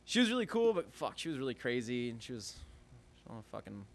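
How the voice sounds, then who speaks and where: A man's voice: medium pitch, big pitch swings, brisk. Man, comedian, rambling storyteller, lots of "like", swearing. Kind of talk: casual podcast chat.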